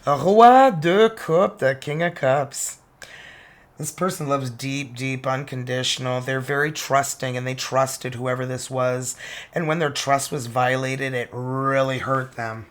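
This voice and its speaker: Unhurried and medium-pitched, a Franco-Ontarian tarot reader from northern Ontario, Canada, talks casually as she reads cards, tossing in cheeky, laughing asides. French is her first language, and she has a French-Canadian accent.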